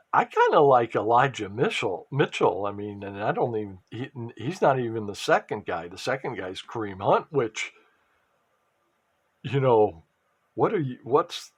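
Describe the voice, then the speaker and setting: A man's voice: lowish voice, breathy edge. A man chatting casually while opening a pack of sports cards, rambling with restarts and trailing asides. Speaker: sports card collector and fantasy football vlogger.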